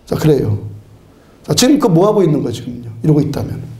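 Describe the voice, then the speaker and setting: A man preaching from the pulpit with a high, gravelly voice that rings through an echoey church sanctuary. He presses his points with firm, commanding exhortations and often laughs as he speaks. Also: sing-song, fast talker, mellow. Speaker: pastor. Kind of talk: sermon.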